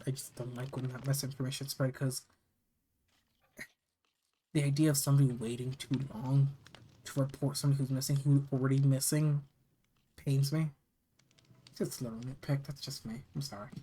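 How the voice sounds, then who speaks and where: Horror story narrator from the US, mid-pitched, halting read with repeated phrases and casual delivery. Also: level tone, mellow, low-quality recording. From United States. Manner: halting reading, often stumbling and repeating phrases. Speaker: narrator reading scary stories. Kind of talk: reading a first-person horror story aloud, with casual asides.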